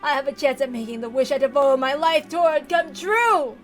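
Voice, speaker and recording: Obsessive, howling rants and long pleas fill this visual novel reading, where a woman plays a deranged old tyrant of a patriarch with grave fervor. She uses her natural, high voice, and faint music plays behind her.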